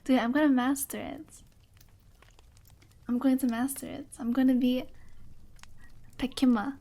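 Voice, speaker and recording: A woman's voice: sits high, steady tone, moderate pace, dark tone. A woman streamer chatting casually with viewers on a live stream. She giggles often, reads requests aloud, answers them and apologizes with a self-mocking air.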